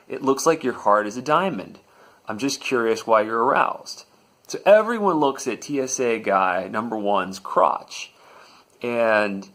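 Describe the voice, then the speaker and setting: A man's voice: fairly low pitch, a bit bright. A man telling a comedic personal story with a dry, matter-of-fact delivery.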